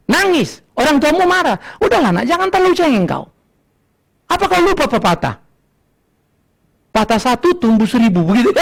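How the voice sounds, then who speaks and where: An older man preaches. His voice sits high and gravelly. He swings from sharp loud bursts to low, quiet asides and often breaks into laughter. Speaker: pastor. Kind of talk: sermon. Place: church hall.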